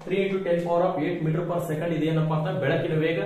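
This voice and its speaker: A man's voice: a little high, level tone, a little slow, darkish tone. A man teaching an exam-coaching lecture, stressing and repeating key terms and asking rhetorical questions. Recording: very echoey room, mic at a distance.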